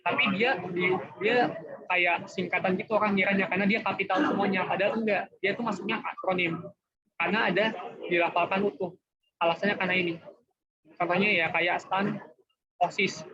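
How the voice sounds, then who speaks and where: A young tutor with a fairly high voice explains grammar rules during a casual online class, keeping the lesson relaxed and chatty and often saying "guys" and "gitu." He speaks fairly quickly. The audio is dull and lo-fi, like a video call, with crowd noise in the background.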